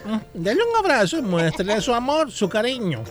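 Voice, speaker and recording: A man's voice: sits high, very animated, fairly quick, soft background music. A man co-hosting a children's program, giving earnest advice on family love and mentioning God. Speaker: co-host of children's show. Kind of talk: family advice talk on radio.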